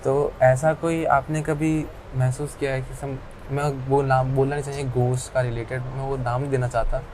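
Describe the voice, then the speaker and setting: A man's voice: medium pitch, flat delivery, normal speed, noisy background. A man hosting a casual interview, asking hesitant questions and giving short agreeing replies. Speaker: podcast host.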